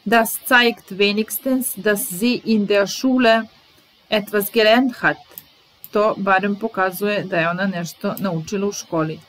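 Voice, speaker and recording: Slow, careful woman teaching German words. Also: mid-range voice, steady tone, fairly bright tone, rough recording. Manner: reads each German example, translates it, then repeats it. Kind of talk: slow bilingual vocabulary lesson.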